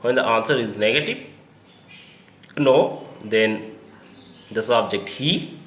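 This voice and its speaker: Man, English teacher, very slow deliberate delivery, roomy echo. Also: mid-range voice, fairly bright tone. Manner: slow, deliberate, explains step by step. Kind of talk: slow spoken English lesson.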